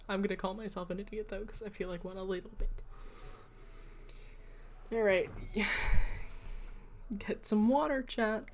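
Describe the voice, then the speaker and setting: A woman of middling pitch chatting casually on a livestream. She explains things to her viewers in a loose, rambling way and drifts into self-deprecating asides before coming back to her point. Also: a little mellow. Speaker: livestream host.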